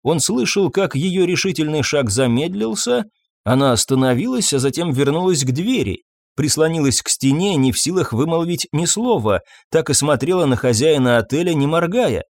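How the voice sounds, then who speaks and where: A man reading a story aloud with expressive storytelling. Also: on the high side, normal speed, dry recording, studio quality. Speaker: narrator. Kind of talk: audiobook reading.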